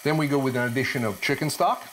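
A man's voice: medium pitch, quick pace, very noisy. A middle-aged man hosting a cooking show in a home kitchen, explaining each step expressively and asking himself rhetorical questions. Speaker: TV chef host.

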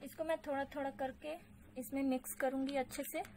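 Woman, vlog host, high chatty tutorial voice-over. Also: flat delivery, brisk, mellow, a little hiss or hum. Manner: chatty, repeats "so guys". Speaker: beauty channel host.

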